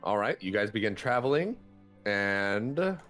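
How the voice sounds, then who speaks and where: A man narrates as dungeon master in a low voice that swings widely in pitch. He is relaxed and a little hesitant, and faint music plays under him. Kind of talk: narrating a tabletop game.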